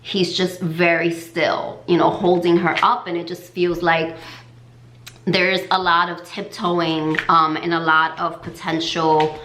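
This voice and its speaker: A woman giving a casual tarot reading, chatty and full of fillers, in a voice she calls her lower fall voice. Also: little pitch movement, slow pace, pushed and bright, roomy sound, a little hiss or hum. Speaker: tarot reader.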